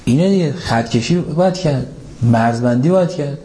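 A religious lecturer delivers a sermon of Quran commentary, posing rhetorical questions, reciting Arabic verses and hitting key points with an emphatic rise. His mid-range voice is mellow and animated.

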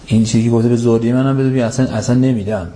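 A man's voice: medium pitch, steady tone, warm tone, slight background noise. A man giving a Quran commentary sermon, asking rhetorical questions and reciting Arabic verses, stressing key points with an emphatic rise. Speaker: religious lecturer.

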